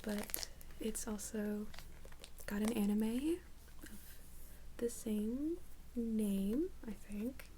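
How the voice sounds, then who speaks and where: A young woman in an ASMR role-play as a librarian, speaking in a soft, halting soft voice. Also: a little high, slight background noise, low-quality recording. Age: young adult. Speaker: ASMR creator playing a librarian.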